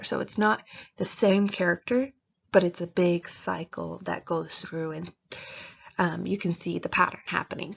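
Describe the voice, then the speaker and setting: A woman's voice: on the low side, gravelly, breathy edge. A woman giving casual writing advice in a chatty way, with lots of fillers, and acting out how readers react. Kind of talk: casual instructional talk. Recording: dull lo-fi recording.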